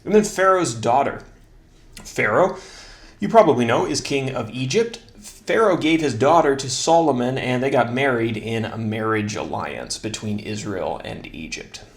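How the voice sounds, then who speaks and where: A man giving a casual Bible study lesson in a relaxed, self-deprecating way, joking about his own slips. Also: medium pitch, moderate pace. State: slightly out of breath.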